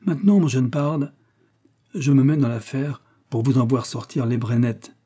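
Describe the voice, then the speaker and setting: A man reading aloud and voicing a seasoned male army scout in an audiobook, calm and commanding in manner. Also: medium pitch, moderate pace, breathy edge, lightly acted. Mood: steady.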